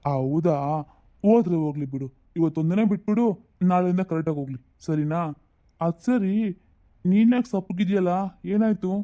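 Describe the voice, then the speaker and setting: A woman's voice: on the low side, normal speed, pauses often, highs cut off, natural voice. A woman playing an easygoing, teasing husband and father in a comedy sketch. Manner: relaxed, teasing.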